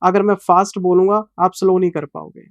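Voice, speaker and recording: Male teacher, slow and patient, fatherly toward students; smooth, dry delivery. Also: high voice, level tone, dry recording. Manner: fatherly, calls students "son". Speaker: accounting teacher. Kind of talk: explaining course details to students.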